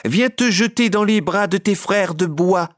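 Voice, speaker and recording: A man voicing an excited male wooden puppet who shouts his lines in slow, drawn-out exclamations. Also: high-pitched, pitched above the performer's own voice. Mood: welcoming.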